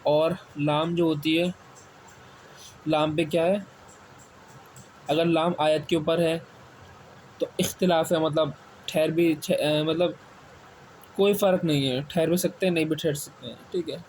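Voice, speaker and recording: Male Quran teacher repeating questions slowly. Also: on the high side, fairly even intonation, darkish tone. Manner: asks questions and answers them himself, repeats key words slowly. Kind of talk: step-by-step classroom explanation. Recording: faint background noise.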